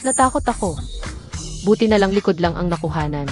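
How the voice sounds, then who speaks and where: An actress dubbing a composed young wife who speaks coolly and firmly. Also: female voice, fairly low pitch, expressive, a little fast, soft background music, natural voice. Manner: cool and firm. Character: composed young wife hiding her marriage. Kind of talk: dubbed drama acting.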